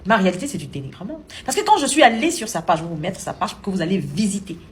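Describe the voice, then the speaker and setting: A woman's voice: medium pitch, sing-song, very fast, slight background noise. A woman from Cameroon, giving indignant, sarcastic opinion commentary to camera as a vlogger.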